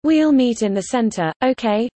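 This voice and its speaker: A woman's voice: a little high, lively intonation, slow pace, dark tone, no echo. A woman narrating a language lesson, reading scripted example sentences for learners.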